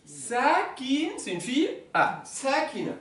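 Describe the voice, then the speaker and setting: A teacher leads a beginner class at an unhurried pace, repeating each word and pausing to check that everyone follows. The voice rises and falls a great deal. It sounds distant and roomy, as if caught by a microphone across the classroom. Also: high-pitched, very animated, fairly bright tone. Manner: patient, repeats words slowly, checks understanding. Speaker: Arabic teacher. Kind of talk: classroom lesson.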